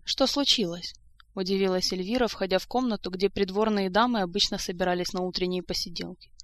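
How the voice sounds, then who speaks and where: A woman narrates a fantasy story in an even, storytelling way, at a middle pitch. The recording is dry and close to the mic. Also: quick pace, dry recording. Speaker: audiobook reader. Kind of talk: audiobook narration.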